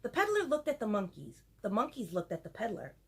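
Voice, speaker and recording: A woman's voice: medium pitch, huge pitch swings, fairly quick, a bit bright, husky. A woman reading a picture book aloud to children and adding chatty asides to her listeners. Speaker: storyteller for children.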